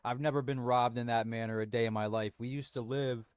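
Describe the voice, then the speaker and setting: A man's voice: medium pitch, fairly even intonation, brisk, clean tone, no echo, clean studio sound. A young man streaming from home, chatting casually with viewers in a rambling, slangy way full of restarts. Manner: rambling, frequent restarts and slang, says bro a lot. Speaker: livestream host.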